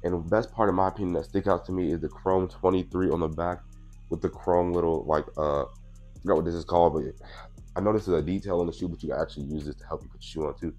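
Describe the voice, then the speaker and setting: Deep and darkish in tone, his fast speech holds a fairly even intonation. He's a young sneaker vlogger in his twenties, slightly congested from allergies, chatting casually through an unboxing on a clip-on mic in a small purple-lit room with faint music behind. Relaxed and talkative, he leans on "you know what I'm saying" again and again.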